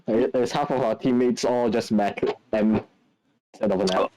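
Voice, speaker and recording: A man's voice: mid-range voice, fairly even intonation, moderate pace, warm tone, a little hiss or hum, rough recording. A man playing in an online tabletop game, chatting casually, teasing and laughing often. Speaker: player.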